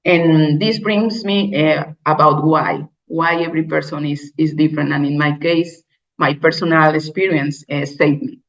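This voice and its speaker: Speaking in a deep, steady voice, the woman from Spain presents a personal keynote with a Spanish accent. Her phrasing stays simple while she halts and restarts often, all captured on a dull lo-fi recording.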